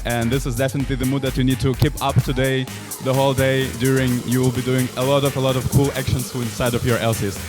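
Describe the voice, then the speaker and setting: Brief: man, energetic online event host speaking from his couch at home. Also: mid-range voice, fast, hardly any pauses, music in the background. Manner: energetic and upbeat.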